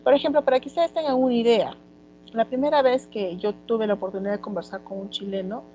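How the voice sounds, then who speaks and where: A woman from Peru with a Peruvian accent, teaching an online class in a conversational way, often pausing on fillers. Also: a little high, steady tone, mellow, highs cut off, slight background noise. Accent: Peruvian Spanish. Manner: conversational, many fillers like "este".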